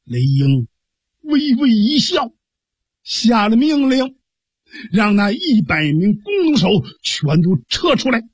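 Husky, animated male storyteller. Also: sits high, slow pace, no room sound, studio quality. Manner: lively, dramatic narration with sound effects. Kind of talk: traditional Chinese pingshu storytelling.

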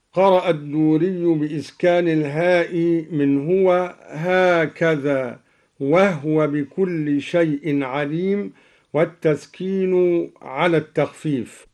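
A man explaining recitation variants in a measured, deliberate way, slowly intoning each verse he quotes as an example. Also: on the high side, darkish tone. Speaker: Quran reading scholar. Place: radio studio.

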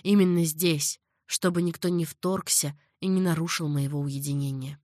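A woman voicing a passionate young nobleman who is in love, speaking low, hushed and earnest. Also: steady tone, moderate pace, dry recording, clean studio sound, lightly acted. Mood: tender, solemn.

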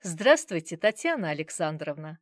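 Voiced by a woman, a poised young mother from an audiobook, cool and self-assured with dry amusement. Her delivery is animated and the sound is dry and close. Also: low voice, moderate pace, no room sound. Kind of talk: audiobook character reading.

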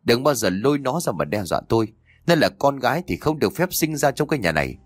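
An arrogant, cold husband, voiced by a male narrator, speaking with clipped contempt. His pitch swings widely, and the sound is dry and close. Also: very animated, fast, no echo. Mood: contemptuous. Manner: contemptuous and hissing through teeth.

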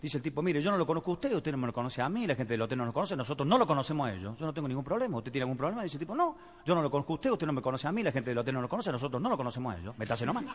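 A man's voice: mid-range voice, very animated, rapid-fire, hardly any pauses. A man with an Argentine Spanish accent telling jokes, acting out the characters in funny voices and laughing along with them. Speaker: comedian. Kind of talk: stand-up joke telling. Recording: audience noise behind the voice. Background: crowd.

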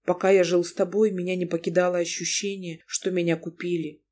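A woman's voice: fairly low pitch, flat delivery, a little fast, darkish tone, close to an everyday voice. A woman voicing a frightened, remorseful young husband in an audiobook reading, close to her own voice. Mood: pleading. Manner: pleading, anxious.

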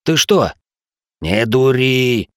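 A man's voice: medium pitch, animated, drawn-out words, a bit bright, clear, resonant tone, no room sound, studio quality, voice pushed up. A man voicing the wary male companions in a reading, in a raised, urgent voice. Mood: tense.

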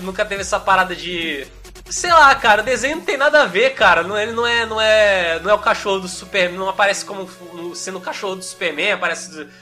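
A Brazilian man co-hosting a podcast, chatting casually in an animated, rambling way. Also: high voice. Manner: animated, rambling, fillers of "cara". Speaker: podcast host. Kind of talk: casual chat.

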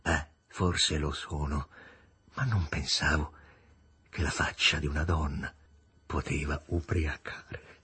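A man's voice: very deep voice, fairly even intonation, slow, pauses often, bright, forceful tone, slightly rough, pitched below the performer's own voice, full character voice. A man voicing a proud young sailor, dazed with love, who laughs with tipsy bravado. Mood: musing.

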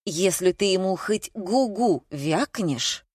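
A woman reading an audiobook voices a grumpy, touchy male traffic police officer with a gruff, threatening manner. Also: low voice, moderate pace, no echo, studio quality, close to an everyday voice.

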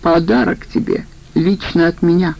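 A sharp-tongued middle-aged woman in a crime audiobook needles her partner with a mocking edge, as a female narrator puts her on. The voice sits dark and a touch gravelly. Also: on the low side, steady tone, normal speed, rough recording. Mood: coaxing.

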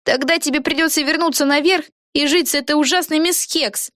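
A woman's voice: high voice, steady tone, a little fast, fairly bright tone, dry recording, studio quality, pitched above the performer's own voice. Woman doing a shy, self-doubting girl witch. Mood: doubtful. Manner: modest, hesitant.

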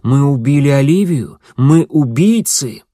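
A man's voice: medium pitch, animated, measured pace, warm tone, dry recording, clean studio sound, pitched above the performer's own voice, natural voice. A man voicing a bewildered man in a stranger's body, asking hesitant, confused questions. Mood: shaken.

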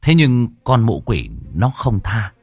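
Brief: male horror storyteller, dramatic and animated, dry close mic. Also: mid-range voice, takes it slowly, husky, dry recording. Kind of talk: first-person ghost story narration.

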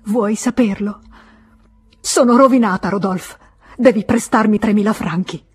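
Una donna che dà voce a una giovane innamorata appassionata e disperata, con tono supplichevole. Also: female voice, medium pitch, measured pace, slightly rough. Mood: desperate. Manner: pleading, breathless. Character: passionate desperate young woman, pleading lover.

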